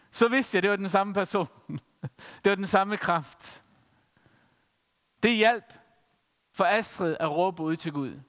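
A man preaching a sermon, telling a story with frequent hesitant pauses. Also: high-pitched, fairly bright tone. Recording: reverberant hall.

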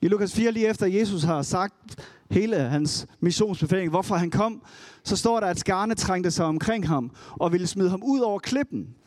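A man with a fairly high voice preaches a sermon in a relaxed, conversational way. He slips into animated storytelling when he retells a Bible story. The recording is dry and close, with no room sound. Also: no echo.

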